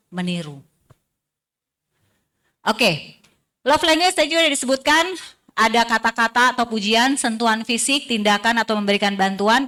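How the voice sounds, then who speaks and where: Woman psychologist w/ giving parenting talk, keeps asking the crowd stuff, bright higher voice. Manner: chatty, asks the audience questions. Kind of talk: lively seminar talk to parents. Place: seminar hall.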